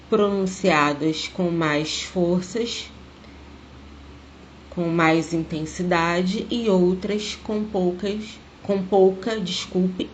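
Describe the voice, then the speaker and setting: Slow, deliberate Brazilian teacher woman. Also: fairly low pitch, a little hiss or hum. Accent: Brazilian Portuguese. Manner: slow, deliberate, stressing words as she explains. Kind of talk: remote school lesson.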